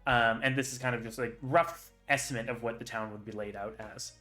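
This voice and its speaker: A man's voice: medium pitch, steady tone, brisk, pushed and bright, soft background music. A man running a tabletop game as game master, describing the scene in a loose, rambling way full of ums and likes.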